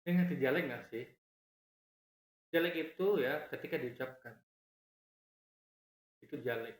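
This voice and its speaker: Animated man arguing in an echoey room. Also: a little slow. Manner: argumentative, explains with repeated asides, swings pitch widely. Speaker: commentator reacting to a video. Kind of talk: animated reaction commentary.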